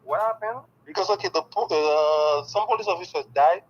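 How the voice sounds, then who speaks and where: A high-pitched man from Haiti, speaking natively at normal speed, answers an interviewer candidly and emphatically. He sounds excited and keeps saying "okay," and the recording has its highs cut off.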